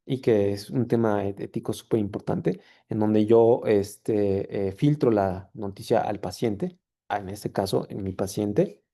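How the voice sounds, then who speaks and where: A man's voice: fairly low pitch, a little slow, creaky, mellow. A man, a physician and anthropologist giving a seminar talk, reflective and self-correcting with many fillers. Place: seminar room or video call.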